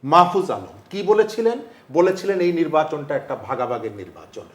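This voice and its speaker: A man speaking as a panelist on a political talk show, arguing his points in a measured way that builds to forceful emphasis. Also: fairly high pitch, echoey room. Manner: starts calm and measured, grows emphatic and argumentative.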